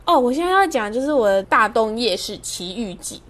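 A woman's voice: fairly high pitch, sing-song, brisk, fairly bright tone. A young woman, hosting a podcast and telling a story in a chatty, self-amused way. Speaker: podcast host. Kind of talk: casual storytelling monologue.

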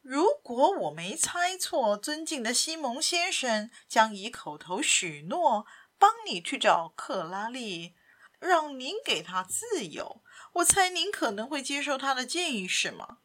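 A woman voicing a suave gentleman thief in a storybook reading, speaking with cool sarcasm. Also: a little high, sing-song, takes it slowly, heavily acted. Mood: mocking. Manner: sarcastic, coolly teasing. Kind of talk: audiobook character voice.

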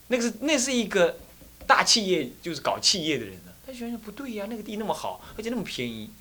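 A man's voice: high-pitched, sing-song, fast talker, bright, forceful tone. A Taiwanese man, a Buddhist temple abbot, tells a story during a dharma lecture in Taiwanese Mandarin. He laughs often, acts out the characters and makes sound effects as he goes.

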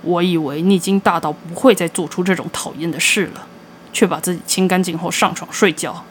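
A mean old grandfather scolds in a gruff, grumbling voice, as a woman narrator puts him on. He sounds lower and rougher than a plain reading voice. A faint hiss sits under the storybook recording. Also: steady tone, a little fast, lightly acted. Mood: gruff scolding.

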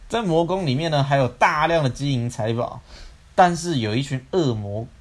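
A man's voice: medium pitch, moderate pace. A young man, telling a fairy tale in a loose, casual way and breaking off for joking, swearing asides. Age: young adult. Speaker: storyteller, podcast co-host. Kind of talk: casual bedtime storytelling with jokey asides.

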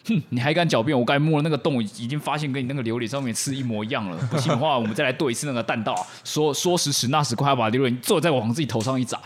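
A man playing a grumpy young male college student in a fast, indignant rant. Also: fairly low pitch, steady tone, a little mellow, close to an everyday voice.

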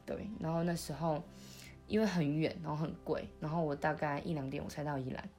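A young woman, recalling her past in a soft, halting way, with many restarts, as she hosts a podcast. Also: low-pitched, fairly even intonation, soft background music. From Taiwan. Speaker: podcast host. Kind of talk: intimate conversational storytelling.

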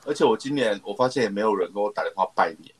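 Lively Taiwanese-accented man chatting. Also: lowish voice, very fast, husky. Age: 30s. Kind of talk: casual chat, personal storytelling.

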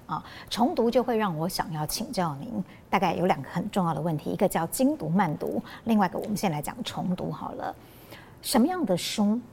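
A woman's voice: on the low side, gravelly, darkish tone, slight background noise. A woman hosting an interview, asking polite questions and giving frequent short affirmations as she listens. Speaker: podcast host.

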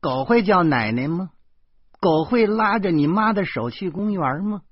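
A man voicing a bossy, sarcastic older aunt who nags in a drawn-out mocking tone, on a slightly muffled recording. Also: high voice, animated, breathy edge, dry recording, pitched above the performer's own voice, exaggerated voice. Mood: mocking, preachy.

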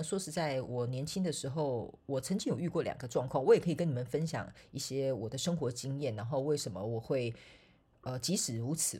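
With a rumbling low, mellow and slightly rough voice, this woman, a spiritual coach and online course instructor, talks in a Taiwanese Mandarin accent. Her casual monologue is playful and self-deprecating, peppered with laughter and filler particles.

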